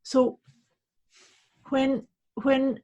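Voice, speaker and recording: A woman from Canada speaking as a podcast host and coach, teaching conversationally in a polite, measured, explanatory way. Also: high voice, completely flat delivery, dark tone, muffled recording.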